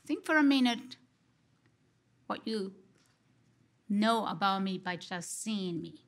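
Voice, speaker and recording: A middle-aged Colombian psychology professor, speaking with a Colombian Spanish accent at medium pitch, responds to a lecture from a lectern on a large conference stage. She talks into a headset mic, slow and deliberate, expressive and gesturing as she goes.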